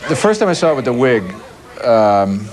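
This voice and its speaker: A man's voice: mid-range voice, very animated, moderate pace, a faint crowd. A man in a casual interview, joking wryly about costumes and hair. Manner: dry, wry humor. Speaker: actor interviewed.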